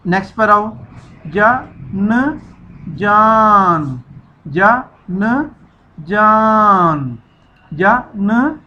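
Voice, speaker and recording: A woman's voice: medium pitch, a bit bright, muffled recording. A woman teacher giving a children's reading lesson, stretching out syllables and repeating each sound for the children to echo.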